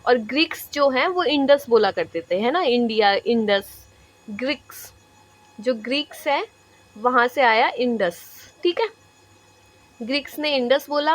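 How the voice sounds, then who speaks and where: A woman with a high voice gives a classroom lecture at an unhurried pace. She repeats each point over and over, tags on quick check-ins, and mixes English terms into Hindi as she drills facts for exam prep. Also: expressive. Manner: repetitive, checks in with "है ना"; drills points by slow repetition.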